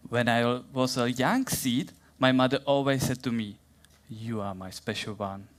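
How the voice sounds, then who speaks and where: Czech man doing a playful science talk. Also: medium pitch. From Czech Republic. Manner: playful, theatrical, halting English. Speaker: science communication contestant. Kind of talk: staged science talk in a plant's voice.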